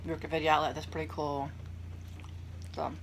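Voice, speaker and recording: A woman's voice: sits low, little pitch movement, a little fast. A young adult woman chatting casually to viewers while she eats, rambling through anecdotes with self-deprecating asides. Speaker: vlogger hosting a mukbang. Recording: clear background room noise.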